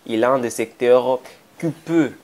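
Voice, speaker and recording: A man with a Congolese accent giving spoken commentary as a presenter, halting and repeating phrases for emphasis. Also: medium pitch, darkish tone. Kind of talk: spoken commentary introducing a clip. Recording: faint background noise.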